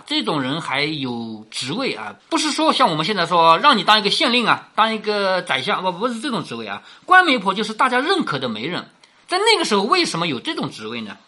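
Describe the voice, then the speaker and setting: Woman storyteller, lively intonation, bright slightly husky voice, chatty explainer. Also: mid-range voice, fairly quick. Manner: chatty, rhetorical questions, laughs while explaining. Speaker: storyteller explaining a classic novel.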